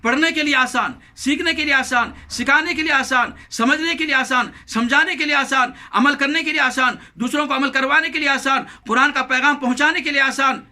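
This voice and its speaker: High, bright-voiced scolding preacher man. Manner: scolding, exhorting, repeats phrases for emphasis; recites Quranic verses slowly and melodically. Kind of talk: Ramadan sermon.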